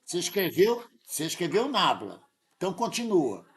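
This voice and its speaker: Insistent Brazilian math teacher, lively pitch. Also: male voice, moderate pace. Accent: Brazilian Portuguese. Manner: insistent, corrects the student often. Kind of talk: live tutoring lesson.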